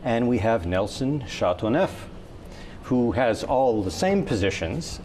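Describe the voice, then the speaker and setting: A man hosting a community TV talk show, asking relaxed, friendly questions in a studio interview. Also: medium pitch, slow pace, slight background noise.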